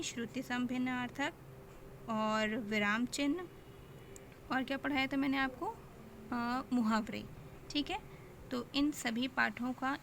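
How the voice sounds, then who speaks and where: A young woman gives a grammar lesson in a voice pitched a little high, with a gravelly edge. She explains step by step, asks questions and then answers them herself. A faint hiss sits under the recording. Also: a bit bright. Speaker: teacher. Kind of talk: online Hindi grammar lesson.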